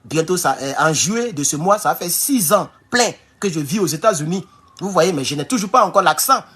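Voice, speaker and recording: A high, husky male voice with a Burkinabè French accent delivers a political commentary vlog. He talks in an animated, rousing way, swinging widely in pitch and often restarting his phrases as he calls on his listeners as comrades. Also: brisk. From Burkina Faso.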